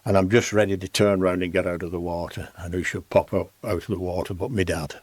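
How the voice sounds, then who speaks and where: Deep-voiced older man. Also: fast, breathy edge, no echo. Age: 80s. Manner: rambling, lively anecdotes with restarts. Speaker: guest. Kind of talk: storytelling in casual conversation.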